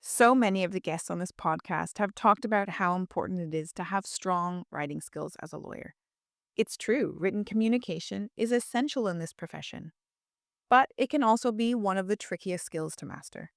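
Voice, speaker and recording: A woman's voice: medium pitch, moderate pace, vocal fry, no echo, studio quality. A woman who is a lawyer and writing coach, reading a polished, persuasive advertisement. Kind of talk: read advertisement.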